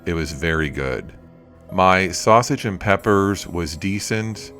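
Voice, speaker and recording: A man's voice: low-pitched, expressive, slow, a bit bright. A man narrating a food review vlog as a voice-over in a plain-spoken, itemizing way. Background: music.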